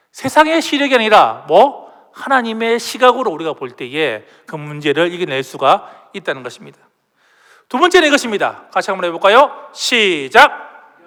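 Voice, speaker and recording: A man's voice: sits high, a bit bright. A male pastor preaching a sermon in a church, asking the congregation questions and leading them in reading aloud. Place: church sanctuary. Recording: long hall reverb.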